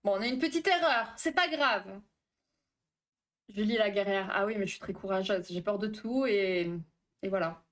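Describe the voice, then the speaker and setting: A woman therapist hosting a live stream, chatting casually with viewers, reading the chat aloud, talking fast and tripping over her words. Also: mid-range voice, a little hiss or hum.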